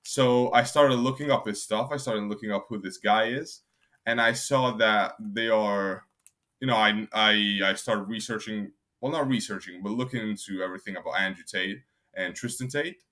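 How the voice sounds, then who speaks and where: A young man talks in a bright, forceful tone. His voice sits a little low, and his answers ramble with restarts and fillers in a casual interview. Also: moderate pace. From Albania. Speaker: guest.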